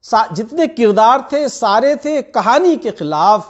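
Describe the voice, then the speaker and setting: A man reciting ghazal couplets as a poet at a gathering, declaiming each line deliberately and repeating it for his listeners. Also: very high-pitched, sing-song, dull audio.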